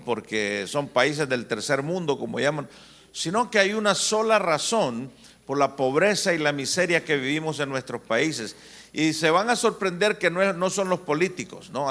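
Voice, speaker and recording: This pastor and family-conference speaker, a man in his sixties with a Honduran accent, tells jokes and stories during his church talk. His voice runs a little high and a bit bright.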